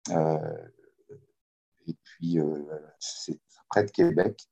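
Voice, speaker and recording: A man's voice: rumbling low, drawn-out words, vocal fry, warm tone. A middle-aged man from France with a French accent lightly tinged by Quebec, a kayak coach speaking hesitantly with many fillers in a remote interview. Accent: French with a slight Quebec tinge. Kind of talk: remote interview, casual conversation. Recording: muffled video call audio.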